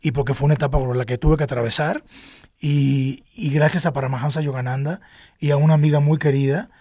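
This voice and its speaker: A man's voice: on the high side, fairly even intonation, fast, warm tone, dry recording, clean studio sound. An older man from Cuba with a Cuban Spanish accent, a singer telling his life story in an interview, with many restarts and fillers. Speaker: guest singer.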